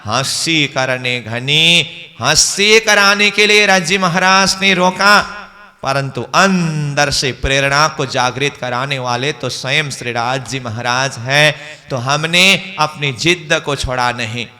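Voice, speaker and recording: Guy giving a slow devotional talk, reads a verse then unpacks it, super bright tone. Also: fairly high pitch. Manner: recites verse lines then explains them slowly. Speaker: spiritual teacher. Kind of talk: devotional scripture discourse. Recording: long hall reverb.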